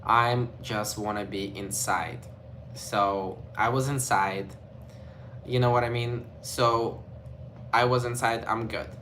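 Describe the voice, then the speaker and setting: A young Ukrainian man with a Ukrainian accent vlogs casually to camera, rambling and peppering his talk with "like" and "you know." His voice is medium-pitched with fairly even intonation, slow, pushed and bright, with a little hiss or hum in the recording.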